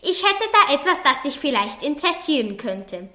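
A woman's voice: high-pitched, very animated, moderate pace, pushed and bright, echoey room, full character voice. A woman voicing a proud, well-educated small male terrier dog, indignant and haughty, in a children's story. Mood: sly.

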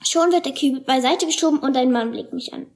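A woman's voice: high voice, fairly quick. A woman reading a children's animal adventure story aloud and putting on voices for the characters. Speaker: narrator.

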